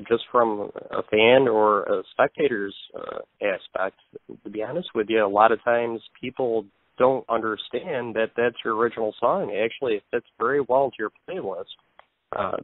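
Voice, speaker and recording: A man's voice: on the low side, no room sound. A man interviewing casually over the phone for a music magazine, with a wordy, roundabout way of talking. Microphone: telephone. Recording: dull, narrow-band phone line.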